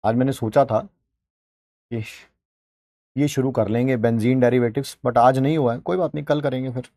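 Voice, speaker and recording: A man's voice: medium pitch, fairly even intonation, moderate pace, warm tone, no room sound, studio quality. A man with an Indian accent teaching an online chemistry class in a chatty way, talking straight to his students and mixing in English terms.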